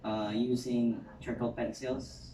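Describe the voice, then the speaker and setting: A young man with a Filipino accent, answering interview questions politely and hesitantly, with halting phrases. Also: medium pitch, flat delivery, warm tone. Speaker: job interview candidate. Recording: distant echoey noisy room recording.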